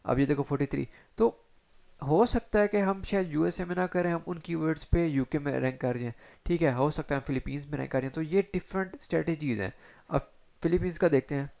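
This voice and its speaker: Man, gravelly voice, chatty tutorial instructor, talks straight to viewers. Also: a little high, brisk, dark tone. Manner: chatty, addresses viewers directly with frequent fillers. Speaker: SEO instructor. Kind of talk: screen-share tutorial, casual explaining.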